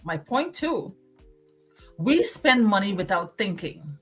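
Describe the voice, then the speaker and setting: A woman's voice: medium pitch, very animated, slow, husky, faint music behind. A woman from Guyana with a Guyanese accent, hosting a motivational livestream and preaching, repeating phrases for emphasis. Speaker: livestream host.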